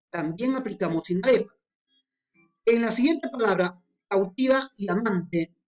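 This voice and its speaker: A woman teaching a lesson on poetic meter, explaining patiently with frequent fillers and worked examples. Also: medium pitch.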